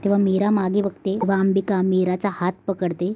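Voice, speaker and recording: A woman's voice: mid-range voice, little pitch movement, a little fast, husky, lo-fi sound. A woman retelling a TV serial episode, steadily narrating events and reading the dialogue aloud.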